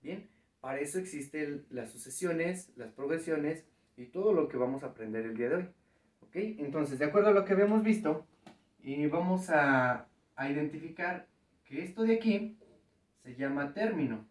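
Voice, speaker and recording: A man's voice: a little high, lively intonation, moderate pace, far from the mic. A man teaching a recorded math lesson at the board, patiently explaining step by step and checking in with the students. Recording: echoey room, voice from off-mic.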